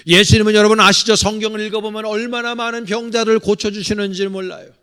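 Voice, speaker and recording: A middle-aged male pastor from South Korea delivers a sermon in a church sanctuary. His voice sits high for a man. He swings between ringing exhortation and sudden hushed asides, and he keeps calling out to the congregation. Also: little pitch movement, fast talker, clean tone. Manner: repeatedly addresses the congregation directly.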